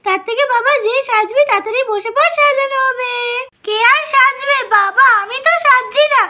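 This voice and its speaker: Here is a woman putting on a pack of bossy, playful little girls in a doll play story. They chatter and plead in a singsong way. The voice sits extremely high and sounds very bright. A faint hiss runs underneath. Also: normal speed.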